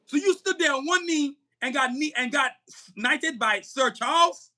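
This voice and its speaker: A man's voice: very high-pitched, animated, normal speed. A man on a podcast ranting angrily about politics, cursing and emphatic. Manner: angry, cursing, emphatic, shouting at times. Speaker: podcast co-host. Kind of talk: heated political podcast rant.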